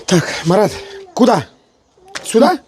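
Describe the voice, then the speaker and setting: A woman's voice: mid-range voice, sing-song, slow pace, darkish tone. A woman with an Odessa Russian accent bantering casually as she cooks, playfully bossy and affectionate in a colloquial way. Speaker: home cook in a family food video. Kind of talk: casual banter while cooking.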